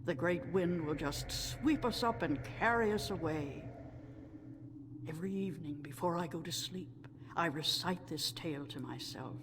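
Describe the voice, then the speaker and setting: A woman playing a sweet, gentle old female storyteller of a non-human tribe in a video game, speaking in a measured way. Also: fairly low pitch, close to an everyday voice. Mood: wistful, reverent. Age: older. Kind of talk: scripted video game dialogue. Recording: echoing hall reverb, clear background noise.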